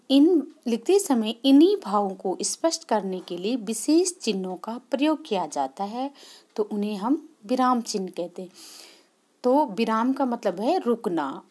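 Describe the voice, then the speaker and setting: A woman teacher with a mellow, fairly high voice gives a grammar lesson, explaining things step by step. She repeats key points and poses questions that she then answers herself.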